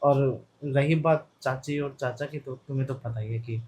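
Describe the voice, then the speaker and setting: A woman's voice: rumbling low, fairly even intonation, normal speed, mellow, slight background noise. A woman playing a young husband caught cheating, who defends himself and begs forgiveness in a comic family skit. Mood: pleading. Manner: defensive, wheedling, pleading.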